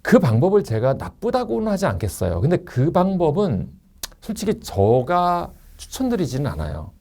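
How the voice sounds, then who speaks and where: Casting note: middle-aged man, mellow tone, very expressive pitch, sales-course lecturer who slips into little customer voices. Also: vocal fry. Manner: animated, acts out customer and staff lines in quick asides.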